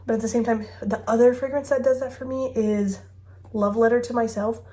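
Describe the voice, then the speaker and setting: A woman's voice: a little high, steady tone, fairly quick, mellow. A woman in her thirties chatting casually at home as she reviews fragrances, thinking aloud with giggles and a phone mic. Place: home bedroom with dresser.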